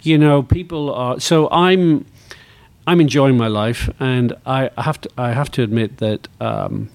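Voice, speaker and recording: A sixty-year-old Northern Irish man, a motor racing executive, speaks as a guest in a conversational interview, reflective and enthusiastic. His mid-range voice stays steady and unhurried, and the recording has no echo.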